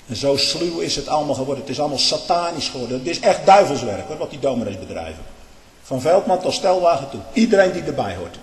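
A fiery male preacher with a somewhat high voice, thundering one moment and muttering the next. His voice rings through a large hall with a long, echoing tail. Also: animated, fast talker. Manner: fiery and emphatic, swings from loud outbursts to low muttering. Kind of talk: impassioned sermon-style monologue. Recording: echoey hall with long reverb.

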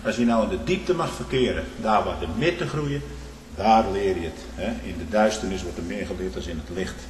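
A man's voice: lowish voice, lively intonation, fairly quick. A man preaching a sermon in an emphatic manner, often tagging his points with short questions and repeating himself. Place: church. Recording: echoey church hall with faint noise.

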